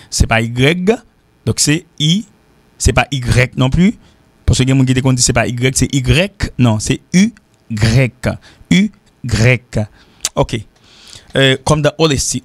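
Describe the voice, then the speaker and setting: A man from Haiti with a Haitian accent, teaching an informal language lesson and repeating example sentences slowly. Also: medium pitch, no room sound. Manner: repeats example sentences slowly, switching between French and Creole. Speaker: English teacher.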